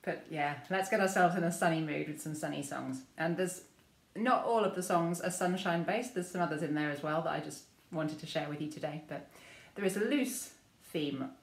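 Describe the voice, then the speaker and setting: An English woman leading a memory choir through gentle vocal warm-ups, speaking softly and encouragingly with frequent ums. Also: low voice, moderate pace, gravelly, few pauses, echoey room. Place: room at home with rain on the window.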